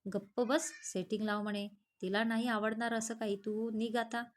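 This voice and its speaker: A woman reads the lines of a young male psychiatrist in a story. He is calm but curt, scolding when annoyed. The voice sits a little high. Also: moderate pace, slight background noise, lightly acted. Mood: irritated. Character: young man, calm psychiatrist, gruff and protective.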